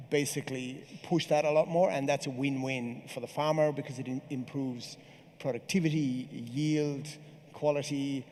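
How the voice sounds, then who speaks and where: A man's voice: mid-range voice, darkish tone. A man with an Irish accent, speaking as a panelist in a panel discussion, explaining at length with hesitant fillers. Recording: reverberant hall with faint noise.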